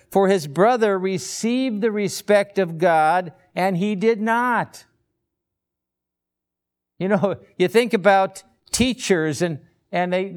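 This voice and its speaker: A man delivering a sermon at an unhurried, deliberate pace. His voice is fairly high for a man and clear and resonant. He presses his points with emphatic rhetorical questions. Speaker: preacher.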